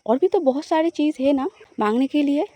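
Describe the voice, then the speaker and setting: A woman voicing a playful, possessive young wife who teases her partner, in a high, mellow voice. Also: lively intonation, brisk. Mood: teasing.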